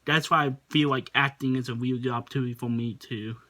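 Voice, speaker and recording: This is a man hosting a casual reaction video. His voice is bright and forward. He rambles a little and sometimes stops mid-thought to find the right words. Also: mid-range voice, steady tone, fast. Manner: rambling, chatty, searches for words.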